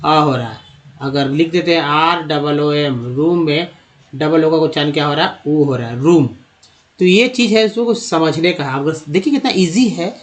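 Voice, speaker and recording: A man's voice: a little high, moderate pace. A man teaches English spelling sounds step by step, asking and answering his own questions as he goes. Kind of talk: spoken English phonics lesson.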